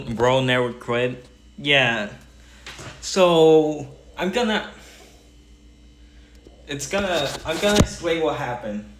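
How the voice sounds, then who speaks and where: Brief: male streamer, mid-pitch, rambling gaming chatter with a faint hum behind. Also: fairly bright tone. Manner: rambling, talks to chat while playing; quick bursts, trailing off mid-sentence. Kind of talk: casual gaming livestream chat.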